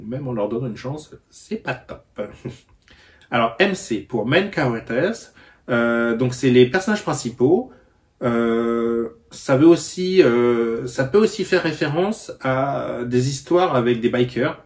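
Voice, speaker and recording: A man talking casually in a book vlog, explaining terms in a halting way and often pausing to search for words. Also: mid-range voice. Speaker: book vlogger.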